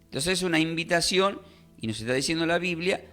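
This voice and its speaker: A man's voice: a little high, lively intonation, a little fast, fairly bright tone. A man teaching a radio Bible class, emphatic, often repeating phrases and spelling out words. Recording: radio studio with faint music.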